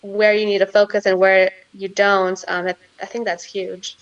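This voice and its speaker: Interview guest, woman from Costa Rica, matter-of-fact, mid-pitched, muffled remote sound. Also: normal speed, recorded from a distance. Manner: relaxed, matter-of-fact, light laughs. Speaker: guest, marketing consultant. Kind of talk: casual interview chat.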